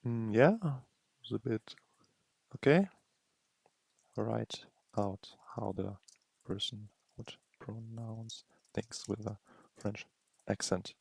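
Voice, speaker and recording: A man narrating a software tutorial, explaining steps slowly and thinking aloud. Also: on the low side, creaky, slightly rough, no echo. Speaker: tutorial host. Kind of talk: screen-recording tutorial narration.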